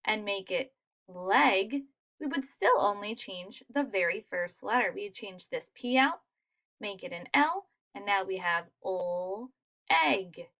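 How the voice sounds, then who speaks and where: A woman teaching a phonics lesson to young children, sounding out letters slowly and praising answers. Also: mid-range voice, expressive, fairly bright tone, lo-fi sound. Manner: slow, sounding out letters, encouraging.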